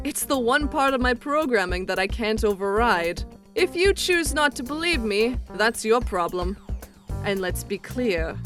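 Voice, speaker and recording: Woman as detached machine messenger, mid-pitched, sly, matter-of-fact, cartoon dub, clear music underneath. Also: close to an everyday voice. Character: sly, detached programmed messenger with emotions, easily amused. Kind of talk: comic dub voice acting.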